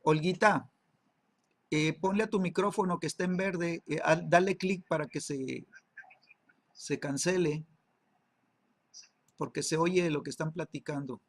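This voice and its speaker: A man with a somewhat high voice teaches an online Bible class at a measured pace, pausing often. He constantly checks in with listeners using tag questions and repeats words while hunting for the next one.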